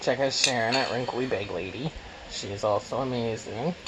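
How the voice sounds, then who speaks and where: A man vlogs casually while eating, rambling and repeating himself for emphasis in a mukbang chat. His voice is medium-pitched at normal speed, and the room is noisy with clattering cutlery and dishes.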